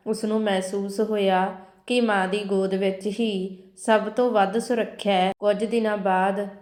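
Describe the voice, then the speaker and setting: A woman storyteller reads a scripted family tale in a measured way. Her pitch sits in the middle and barely moves, giving a level, even delivery. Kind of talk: scripted narration.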